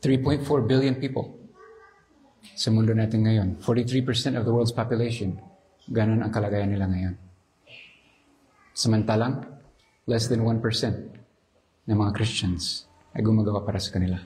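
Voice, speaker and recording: A man preaching a sermon in a dramatic, animated storytelling manner. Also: on the low side, moderate pace, pauses often, slight background noise.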